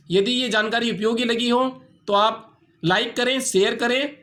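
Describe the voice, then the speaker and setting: High-pitched man teaching step by step. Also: a bit bright. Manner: patient step-by-step explaining, repeats points. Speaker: acupressure teacher. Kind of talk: instructional demonstration.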